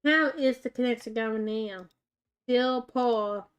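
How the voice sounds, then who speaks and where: A woman talks her way through a game in a loose, chatty way. Her voice sits fairly high, and she often speaks fondly to the pets on screen. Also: slow pace, clear, resonant tone. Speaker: gaming channel host. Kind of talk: casual gameplay commentary.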